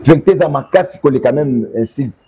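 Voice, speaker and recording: Fast-talking man. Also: mid-range voice, vocal fry, slightly rough. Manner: animated, talks over the other speaker. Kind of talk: casual conversation mixing languages.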